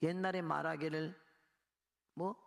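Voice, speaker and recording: A woman in her eighties, a missionary preacher, giving a lively testimony sermon with a gravelly voice and acting out the people in her story. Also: deep voice, unhurried. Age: 80s. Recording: long hall reverb.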